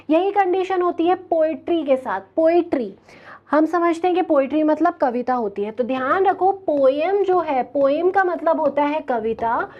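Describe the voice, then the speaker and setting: High-voiced woman teaching grammar. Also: a little mellow, highs cut off. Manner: explains slowly with repeated questions to students. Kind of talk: classroom grammar lecture.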